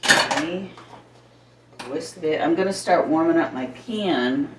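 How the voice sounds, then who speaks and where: This middle-aged woman's voice sits low, and she takes things slowly as she demonstrates home cooking, chatting casually, rambling, and thinking aloud. It's recorded indoors in her kitchen by a camera set a little away, with a roomy, distant quality, faint noise, and kitchen clatter.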